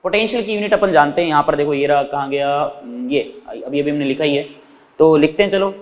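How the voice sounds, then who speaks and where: A slightly high-voiced man talks fast in a large hall as he teaches physics at the whiteboard. Calling his pupils "beta," he breaks down units step by step and answers his own questions to the class.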